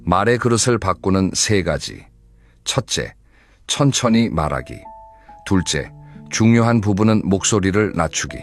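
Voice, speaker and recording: A deep-voiced man narrates a scripted advice talk. He speaks in a steady, measured and instructive way. Faint music plays softly behind him.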